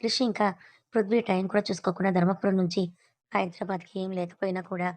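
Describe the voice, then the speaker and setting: A woman with a Telugu accent reading a serialized story aloud, in a brisk, even storyteller's manner. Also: mid-range voice.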